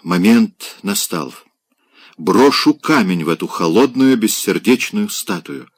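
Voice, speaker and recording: A man voicing a stern, flustered young gentleman in an audiobook, admonishing and firm. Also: on the low side, expressive, measured pace, no room sound. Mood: resolute.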